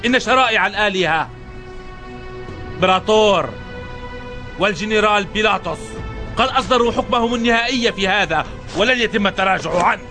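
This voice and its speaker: An actor playing a stern, scornful Roman officer, proclaiming to townsfolk like a herald in a dubbed historical drama. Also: male voice, high voice, a little fast, long pauses, natural voice. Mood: solemn, official. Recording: loud music and crowd behind.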